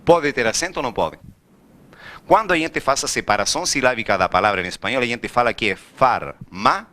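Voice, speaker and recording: Lively teacher lecturing a class. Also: male voice, mid-range voice, fairly quick. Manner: lively, rhetorical questions to students. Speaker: Spanish teacher. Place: classroom with students.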